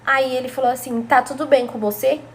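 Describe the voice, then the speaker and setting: A woman's voice: high voice, steady tone, fairly quick, a little hiss or hum. A young woman from Brazil telling a personal story to her viewers in a chatty, gossipy way. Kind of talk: casual storytime narration.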